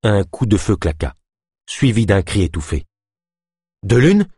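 A man's voice: low voice, moderate pace, darkish tone, slightly rough, dry recording, clean studio sound. A man narrating an adventure story as an audiobook, reading expressively.

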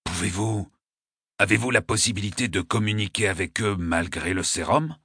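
A man doing a gravelly, jittery conspirator. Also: on the low side, normal speed, a bit bright, no echo, clean studio sound. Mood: agitated. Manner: scoffing, jittery outbursts. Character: nervous, scornful male conspirator. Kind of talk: audiobook character voice.

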